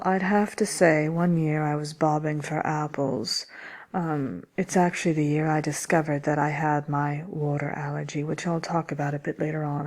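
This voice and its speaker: A woman playing a vain, sinister, cynical witch in an ASMR roleplay, speaking haughtily and haltingly, sometimes dropping to a whisper. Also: sits low, creaky, a little mellow, husky, full character voice. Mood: smug, reminiscing. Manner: haughty, unhurried, halting, partly whispered delivery. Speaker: host answering listener questions. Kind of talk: ASMR character roleplay chat.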